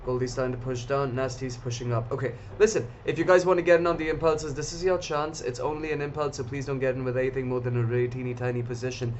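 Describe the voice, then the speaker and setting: A man's voice: mid-range voice, fairly even intonation, fast, hardly any pauses, slight background noise. Chatty man hosting a live trading stream. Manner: casual, chatty, addresses viewers directly. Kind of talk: live market commentary. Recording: slightly dull lo-fi audio.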